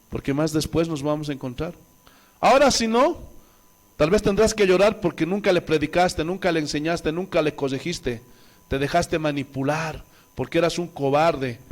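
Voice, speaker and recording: High-voiced Bolivian pastor preaching. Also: male voice. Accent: Bolivian Spanish. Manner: impassioned, rhetorical questions to the congregation. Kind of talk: sermon.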